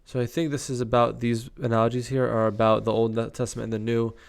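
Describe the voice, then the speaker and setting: A man's voice: medium pitch, level tone, quick pace, creaky. A young man reading Bible verses aloud and breaking off to comment casually on them. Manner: reads scripture aloud, stops to comment casually.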